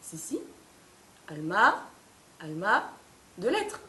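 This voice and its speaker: A woman's voice: mid-range voice, huge pitch swings, extremely slow, sharp tone. A woman playing a cheeky caller in a student comedy sketch, recorded in an echoey room. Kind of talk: comic sketch acting.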